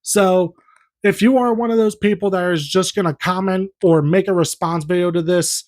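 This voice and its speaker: A man's voice: high-pitched, fairly even intonation, normal speed, a little mellow. Young man, movie review vlog, heated profane rant, repeats himself, swears constantly. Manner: heated, profane, repetitive ranting. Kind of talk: ranting casual review.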